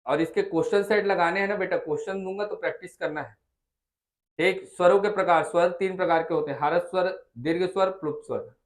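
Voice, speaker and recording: A man with a Chhattisgarh Hindi accent teaching a class in a fairly high voice. He sounds out each vowel again and again. He keeps coaxing his students and asking whether they have understood. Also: a little fast. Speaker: Hindi tutor. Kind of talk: classroom lesson.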